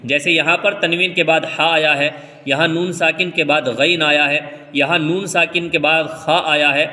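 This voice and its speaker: A man from India teaching Quran reading, spelling out letters slowly and then explaining the rules quickly. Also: fairly high pitch, fairly even intonation, sharp tone, big-room sound. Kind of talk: step-by-step recitation lesson.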